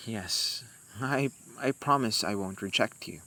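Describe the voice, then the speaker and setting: Playing a young warlock, the man speaks in a lowish, exaggerated voice, very slow and halting, soft and intimate toward the listener. It's an amateur romantic roleplay audio drama, and the noisy track is filled with crickets and the sounds of a forest at night.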